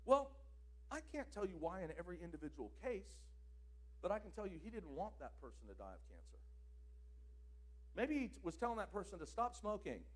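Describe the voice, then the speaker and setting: A man preaching a sermon, emphatic, swinging between loud declarations and quieter asides. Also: sits high, big pitch swings, brisk, pauses often.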